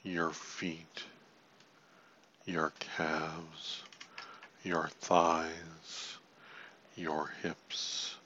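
A man leading a guided relaxation hypnosis in a soothing, repetitive manner, his phrases sometimes trailing into a hush. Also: a bass voice, monotone, drawn-out words, pauses often, highs cut off, a little hiss or hum.

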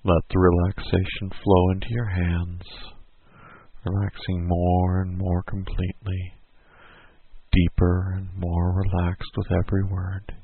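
A man slowly guiding a listener through a hypnosis induction in a soothing, repetitive way. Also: sits low, monotone, a little hiss or hum. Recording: tinny phone-like sound.

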